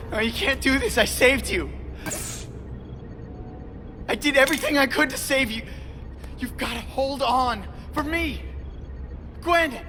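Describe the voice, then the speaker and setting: A young American superhero in a video game. He sounds earnest and devoted with a wry streak. Loud music plays behind his lines. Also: very high voice, heavily acted. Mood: desperate, grieving. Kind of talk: video game cutscene acting.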